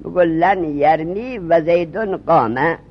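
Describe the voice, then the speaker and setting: A man teaching a religious studies class, repeating key terms and quizzing his students with questions. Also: a little high. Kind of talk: classroom lesson. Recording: dull lo-fi recording.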